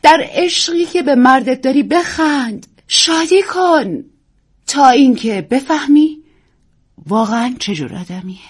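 A woman voicing a melodramatic, self-pitying aging stage actress who talks in drawn-out, sighing repetitions. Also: fairly high pitch, lively intonation, breathy edge, pitched above the performer's own voice. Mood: dramatic, self-pitying.

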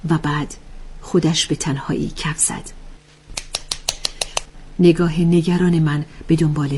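A woman narrating a story softly and in a hushed voice. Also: low voice, slight background noise. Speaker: audiobook narrator.

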